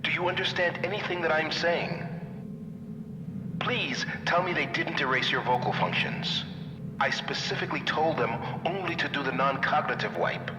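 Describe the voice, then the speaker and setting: A man's voice: fairly high pitch, normal speed, background noise, natural voice. A man playing a smug, impatient director in a video game, theatrical and condescending, with an announcer-like delivery in a reverberant space. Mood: exasperated. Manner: mock-polite, condescending, announcer-like. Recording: echoey hall reverb, music behind.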